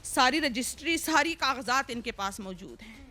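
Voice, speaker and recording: A woman's voice: sits high, expressive, bright, forceful tone. A woman being interviewed for the news, insistently denying accusations in an indignant tone.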